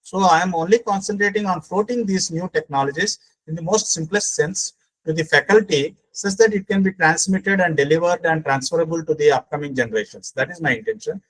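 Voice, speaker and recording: A man's voice: a little high, brisk, fairly bright tone, poor audio. A man with an Indian accent explaining as a lecturer in an online session, emphatic and repetitive, often addressing the listener as sir. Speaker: speaker at a faculty training session. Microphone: online call microphone.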